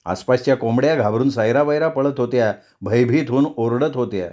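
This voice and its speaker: A man narrating a novel aloud as a storyteller, in a measured, expressive reading. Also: mid-range voice.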